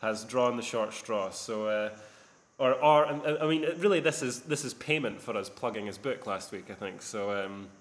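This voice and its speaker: A man's voice: mid-range voice, moderate pace. Guy hosting a podcast, rambly and self-deprecating, echoey bare living room, laptop mic. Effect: echoey sound from a near-empty living room. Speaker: podcast host. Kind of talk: casual podcast chat. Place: sparse living room, indoors.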